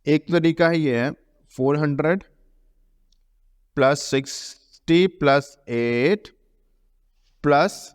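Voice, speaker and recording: A man's voice: on the high side, takes it slowly, long pauses, clean tone. A male math teacher explaining a lesson, often asking a question and then answering it himself. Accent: Indian English. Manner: repeats key terms, asks and answers own questions; mixes English terms into Hindi explanation. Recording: long reverb.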